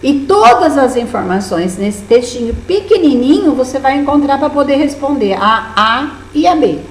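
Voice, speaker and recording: A woman's voice: high-pitched, lively intonation, normal speed. A woman teaching schoolchildren in Brazilian Portuguese, patiently explaining workbook tasks with lots of diminutives. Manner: patient, encouraging, with many diminutives. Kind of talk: remote lesson walking through a workbook. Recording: echoey room with faint hum.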